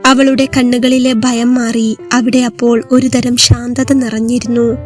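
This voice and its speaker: Woman storyteller with a flat, steady read. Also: a little high, a little slow, soft background music. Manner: calm, steady reading. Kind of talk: scripted story narration.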